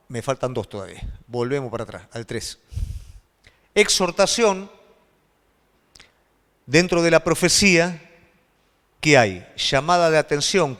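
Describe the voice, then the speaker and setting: Rioplatense pastor guy preaching, lots of "no es cierto?" asides, kinda high voice, echoey hall. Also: measured pace, long pauses. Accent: Rioplatense Spanish. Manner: animated preaching with rhetorical questions. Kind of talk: sermon.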